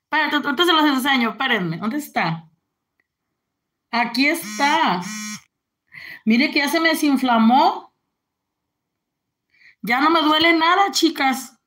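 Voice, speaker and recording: A woman's voice: high-pitched, lively intonation, measured pace, pauses often, a bit bright. A woman, chatting casually on a live stream and greeting viewers. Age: 40s.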